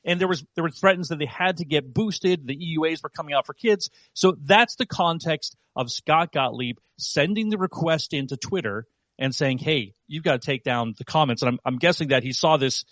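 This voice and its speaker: A man's voice: fairly high pitch, normal speed, a bit bright, no room sound. Man talking with frequent restarts. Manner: repeats words, many restarts. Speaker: guest discussing his own tweets. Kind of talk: casual live audio chat. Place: lives in San Diego.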